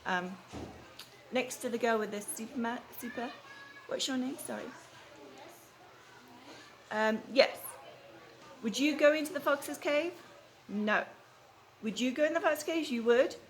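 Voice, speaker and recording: A woman with a slightly high voice reads a storybook aloud to a class of young children, speaking unhurriedly with long pauses. Like a teacher, she asks them questions and repeats their answers, in a noisy, live classroom with background noise.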